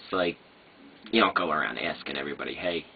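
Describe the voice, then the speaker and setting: Very low male voice, slurred speech, hesitant rambling vlog monologue, thin phone-like sound, background noise. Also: lively intonation, fast, gravelly. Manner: hesitant, meandering, trailing off. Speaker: vlogger. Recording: noisy, muffled phone-like sound.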